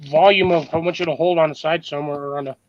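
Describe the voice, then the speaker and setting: A man's voice: a little high, fairly even intonation, fast, no room sound. A man talking casually on a phone video call from outdoors in a garden, over a choppy bad connection. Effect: choppy bad-connection phone call audio. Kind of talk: casual chat. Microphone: phone held in hand on a video call.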